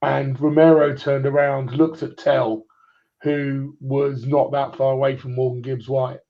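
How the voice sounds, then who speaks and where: Over a clipped phone connection, a forties-aged man chats casually about football, rambling and repeatedly starting his points over. He speaks unhurriedly at a medium pitch in a level tone.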